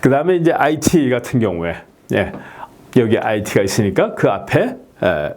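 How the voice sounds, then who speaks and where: A man teaching English pronunciation, filling pauses with "yes" and repeating each word slowly. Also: mid-range voice, very animated, a little mellow. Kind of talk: explaining lesson to camera.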